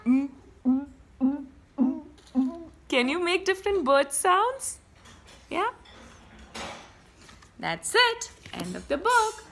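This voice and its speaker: A young woman reads a picture book aloud to her child in a high, bright voice. Her pitch swoops widely as she gasps and plays with the words. She takes her time over every line. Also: takes it slowly, gravelly, pauses often. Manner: animated, gasping, playful with bird calls.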